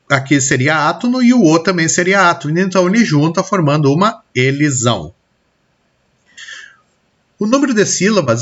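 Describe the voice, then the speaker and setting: A man's voice: fairly high pitch, fairly bright tone, lo-fi sound. A man with a Brazilian Portuguese accent teaching a recorded lesson on poetry, explaining step by step and checking in often with his students.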